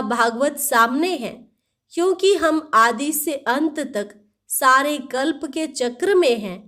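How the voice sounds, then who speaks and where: Woman, devotional recitation, slow and deliberate, fairly high voice, repeats key phrases. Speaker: reader of daily spiritual teaching.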